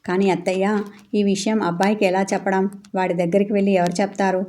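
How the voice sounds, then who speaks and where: A woman's voice: medium pitch, level tone, quick pace, dark tone, close to an everyday voice. A woman voicing a flustered, worried middle-aged mother. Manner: fretful, flustered.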